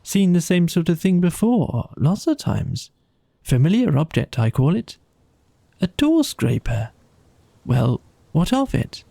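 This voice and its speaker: A man's voice: fairly high pitch, big pitch swings, slow, vocal fry, warm tone, dry recording, pitched above the performer's own voice, full character voice. A man voicing an injured, plaintive and grumbling mole, a slightly dim storybook animal, in a whimpering, miserable manner. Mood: sceptical, grumbling. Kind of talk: storybook character voice.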